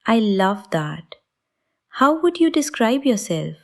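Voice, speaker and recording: A woman's voice: a little high, sing-song, slow, gravelly, full character voice. Woman voicing a cheerful young café chatter. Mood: friendly.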